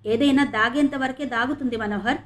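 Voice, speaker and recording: Brief: woman narrator doing a sly young man, taunting and needling, a little raised in pitch, audio novel. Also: fairly quick, natural voice. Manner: sneering, needling.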